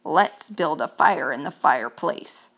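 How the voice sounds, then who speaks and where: A woman's voice: fairly low pitch, expressive, takes it slowly, vocal fry, fairly bright tone, exaggerated voice. A woman reading aloud, voicing a fussy, complaining male mouse in a picture-book story.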